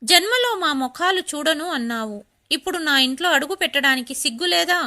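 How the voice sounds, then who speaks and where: A woman's voice: high-pitched, animated, fairly quick, bright, forceful tone, heavily acted. A woman reading the lines of a scornful young daughter-in-law in a storybook tale.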